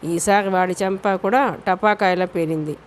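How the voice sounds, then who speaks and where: A woman reading a novel aloud as an audiobook narrator, in steady storytelling narration. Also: on the low side, normal speed, slight background noise.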